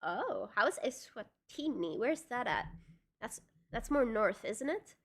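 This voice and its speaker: A young South African woman, a native Afrikaans speaker with a South African accent, chats casually on a livestream while reading out viewer comments. Her voice is on the high side, sing-song, unhurried and fairly bright, and she rambles with plenty of fillers and restarts.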